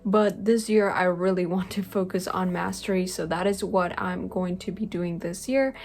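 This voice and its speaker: A young adult woman from a Spanish-speaking country, a native Spanish speaker, talks earnestly into a close webcam-style camera from her bedroom. Her lowish, slightly mellow voice stays steady at a normal speed, with frequent "like" and "um" fillers. She's a language-learning vlogger making a casual talking-head vlog.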